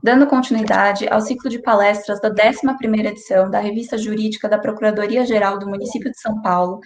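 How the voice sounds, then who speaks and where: A woman with a Brazilian Portuguese accent giving a formal, measured introduction as host of an online lecture. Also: mid-range voice, steady tone. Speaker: event host. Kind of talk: scripted introduction. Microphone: online stream. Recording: echoey room with faint noise.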